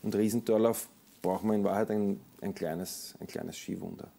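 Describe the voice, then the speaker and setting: A middle-aged man talks ski racing on a studio set. His voice sits low and dark. He picks his words with small fillers and repeats. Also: fairly even intonation, moderate pace, creaky, slightly rough. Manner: conversational, thinks aloud with filler sounds and repeats. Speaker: sports journalist. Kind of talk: studio sports discussion. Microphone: lapel mic.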